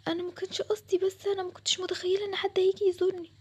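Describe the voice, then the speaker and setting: Casting note: a woman voicing a showy, quick, high-pitched Egyptian schoolgirl who boasts, for a role-play drama voice-over. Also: steady tone, close to an everyday voice. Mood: pleading. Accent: Egyptian Arabic. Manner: show-off, then pleading and soft. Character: boastful schoolgirl pretending to be rich.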